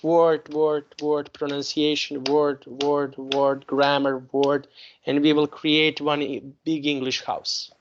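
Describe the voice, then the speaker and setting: A man's voice: on the high side, little pitch movement, slow pace, highs cut off, slight background noise. A man in his late thirties with a Serbian accent, teaching an online English lesson and encouraging his student, repeating words for emphasis. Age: 30s.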